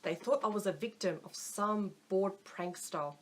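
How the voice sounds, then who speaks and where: A woman narrates an audiobook in a steady, unhurried reading voice. Her voice is hoarse, and her pitch sits in a plain middle range.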